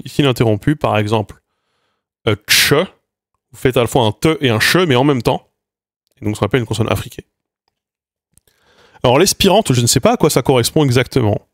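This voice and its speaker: A man's voice: mid-range voice, no room sound, clean studio sound. Chatty man demonstrating speech sounds. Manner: hesitant, many fillers and restarts, demonstrates sounds aloud. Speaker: linguistics streamer. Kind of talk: casual explanatory lesson.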